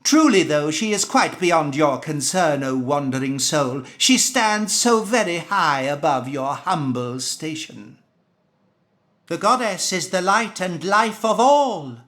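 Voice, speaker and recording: A man's voice: on the high side, expressive, takes it slowly, fairly bright tone. A man playing a zealous cult priest in a video game, preaching solemnly in grandiose, archaic phrases. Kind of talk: theatrical video game acting.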